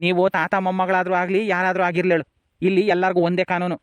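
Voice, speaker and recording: A man's voice: sits high, completely flat delivery, fast talker, smooth, no echo, close to an everyday voice. A man playing a blunt police constable who lays down the rules in a matter-of-fact way. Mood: firm. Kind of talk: village family drama acting.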